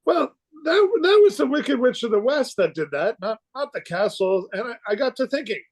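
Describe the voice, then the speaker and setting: A man's voice: extremely high pitch, big pitch swings, moderate pace, full character voice. A man playing an earnest, flustered, kindly Scarecrow in an amateur radio play, with a hesitant, stammering delivery. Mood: welcoming, flustered.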